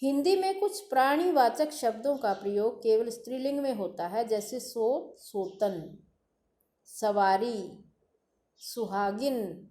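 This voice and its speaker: A woman's voice: fairly high pitch, expressive, takes it slowly, mellow, roomy sound. A woman teaching a grammar lesson, going through word forms one by one and repeating the endings so they stick. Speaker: Hindi teacher.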